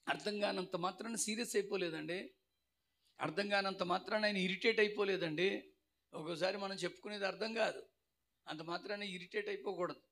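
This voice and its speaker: High gravelly-voiced male preacher. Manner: animated storytelling, acts out voices. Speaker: pastor. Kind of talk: sermon.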